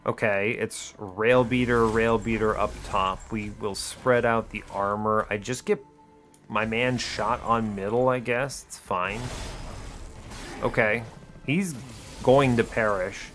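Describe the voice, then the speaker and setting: Over background music, a man hosts a gaming video, offering casual play-by-play in brief, understated, dry remarks. His voice is fairly low and a little bright, with fairly even intonation and a slow pace.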